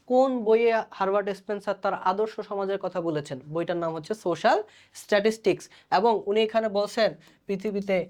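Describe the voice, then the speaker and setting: Bangladeshi man teaching sociology. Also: sits high. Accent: Bangladeshi Bengali. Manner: colloquial, poses questions then answers them himself. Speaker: sociology tutor. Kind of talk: recorded exam-prep lecture.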